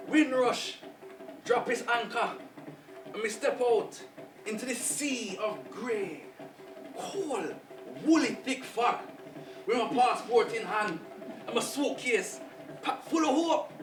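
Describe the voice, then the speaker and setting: With a mid-range, animated voice and a slow delivery, a performer plays a sly, ancient trickster spider spirit in a Jamaican accent, chuckling through rhythmic spoken word with a boastful air. He's heard from a distance in a roomy space over music.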